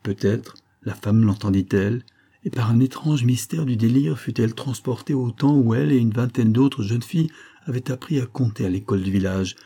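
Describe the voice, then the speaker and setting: A husky, medium-pitched male voice narrates an audiobook of a classic novel, with a delivery that is both measured and expressive.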